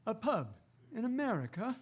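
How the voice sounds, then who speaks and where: An actor playing a mild, gentlemanly doctor in a radio drama, courteous, hesitant and easily puzzled. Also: male voice, high-pitched, sing-song, normal speed, husky, full character voice. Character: mild, puzzled, amazed male doctor, detective's gentlemanly companion. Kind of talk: theatrical radio drama acting.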